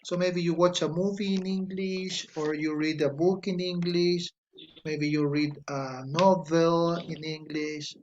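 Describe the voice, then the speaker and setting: Reading student answers aloud and patiently correcting their spelling and grammar, slowly, is a native Spanish speaker from Ecuador teaching English online, his Ecuadorian Spanish accent clear. His fairly high voice is a little mellow with little pitch movement, in a muffled recording with slight background noise.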